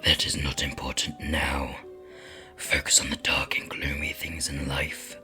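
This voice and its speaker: A woman voicing an ancient, gloomy male demon in a video game, scornful and pompous, in a breathy rasping whisper. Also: extremely low pitch, little pitch movement, over music, pitched below the performer's own voice. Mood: stern, gloomy. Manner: pompous, slow, disdainful.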